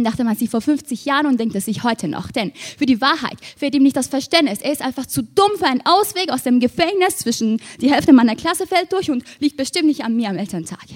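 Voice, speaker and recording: Woman performing rhythmic slam poetry. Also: sits high. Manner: rhythmic, rhyming delivery with sharp swings between soft and loud. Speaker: spoken word poet.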